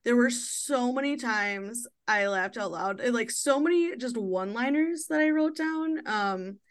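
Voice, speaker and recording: A woman in her thirties hosts a casual podcast. Her voice sits a little high, and her talk is loose and chatty, full of fillers and quick laughs. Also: animated. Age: 30s. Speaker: podcast host.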